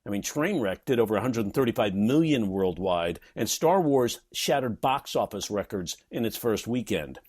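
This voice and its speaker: Sarcastic husky-voiced man, from New York. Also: fairly low pitch, lively intonation, normal speed, few pauses, darkish tone. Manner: sarcastic, wisecracking. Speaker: comedy writer and teacher. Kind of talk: reading his blog post aloud.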